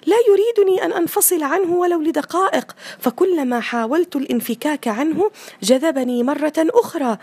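A woman's voice: brisk, mellow. Woman doing a whiny pleading little boy. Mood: plaintive. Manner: high, plaintive and complaining. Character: young boy hooked on his computer, pleading.

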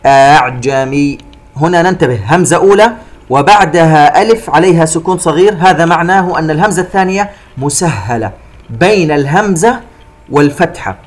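A man teaching Quran recitation rules, chanting verses slowly and then explaining each rule in a quicker, plain voice. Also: a little high, lively intonation.

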